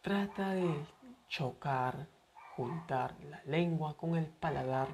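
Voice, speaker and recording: Slow and deliberate, a male English teacher repeats words patiently for his class to practice their pronunciation. His voice is a little high with a darkish tone, and there is a faint hiss of background noise.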